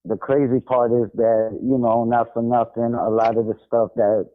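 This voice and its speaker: A man co-hosting a radio show, giving advice in halting casual chat with repeated words. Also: mid-range voice, flat delivery, phone-quality sound.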